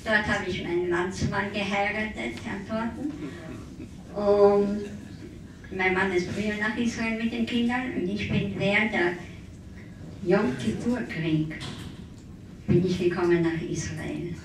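A woman's voice: medium pitch, steady tone, measured pace, pauses often. Older woman, echoey distant hall. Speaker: participant telling her emigration story. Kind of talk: round-table self-introduction. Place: large wood-panelled hall indoors. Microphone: handheld mic, far camera. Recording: echoey hall, camera far off, hiss.

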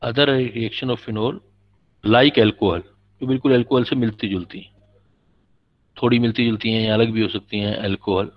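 A man's voice: fairly low pitch, steady tone, normal speed, long pauses. A man teaching a chemistry class, patiently explaining and quizzing his students. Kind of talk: classroom lecture. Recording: dull lo-fi recording.

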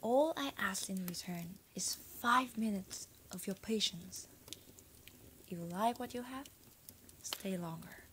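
Young woman, from Vietnam, storyteller, slow, breathy whispers, small indoor set. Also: medium pitch, slight background noise, low-quality recording. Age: 20s. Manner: soft, breathy, drops to whispers. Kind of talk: storytelling narration to camera.

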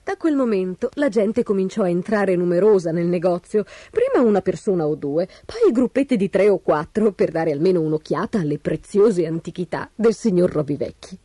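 A woman reading a children's storybook aloud, expressive and animated. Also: lowish voice, moderate pace, few pauses, breathy edge, dry recording.

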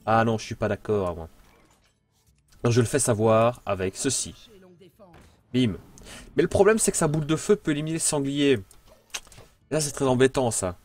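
A man's voice: medium pitch, normal speed, long pauses, darkish tone. A man with a French accent giving casual, playful commentary on his own card game as he plays, thinking aloud. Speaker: gameplay commentator.

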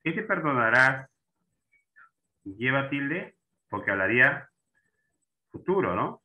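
Male teacher, mid-pitched voice, prompting students over tinny video-call audio. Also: sing-song, slow. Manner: checks in often with students, asking and prompting. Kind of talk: online class on Spanish accent marks.

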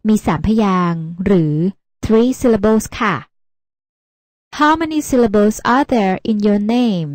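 A woman's voice: medium pitch, darkish tone, no echo, studio quality. A woman English teacher narrating a lesson, polite and encouraging, addressing her viewers as friends.

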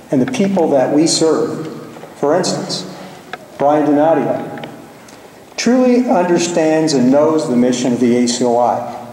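A male physician giving a formal memorial lecture, telling stories in a measured, deliberate way. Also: fairly high pitch, mellow, a little hiss or hum. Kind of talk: formal ceremonial speech with anecdotes. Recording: echoey hall, far from mic.

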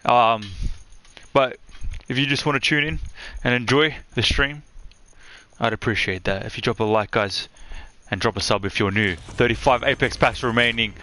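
A young man streaming live from his room on a headset mic, chatting excitedly as he opens game loot. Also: medium pitch, normal speed. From Australia.

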